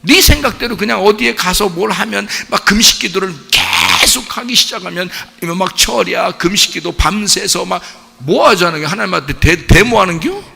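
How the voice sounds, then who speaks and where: Pastor guy preaching, voice jumps all over, gravelly edges, big reverb in the church hall. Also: sits high, moderate pace, faint music behind. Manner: animated, bursts into shouts, chuckles; blunt casual banter with the congregation. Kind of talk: sermon. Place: church sanctuary.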